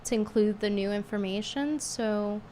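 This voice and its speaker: A woman with a mid-range, dark-toned voice talks at normal speed over slight background noise. She's a streamer chatting casually with viewers, blunt and scornful as she reads tips aloud, her voice strained by a cold and hard to get out.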